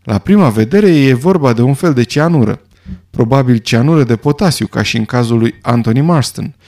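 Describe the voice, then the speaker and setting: A man's voice: mid-range voice, lively intonation, darkish tone, lightly acted. A man voicing a grave male doctor who speaks with a trace of uncertainty.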